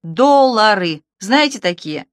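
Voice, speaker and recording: A woman voicing a haughty, sharp-tongued rich woman who talks down to the police, with cutting sarcasm. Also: mid-range voice, expressive, moderate pace, no echo, clean studio sound, natural voice. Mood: imperious, sarcastic. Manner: sarcastic, imperious.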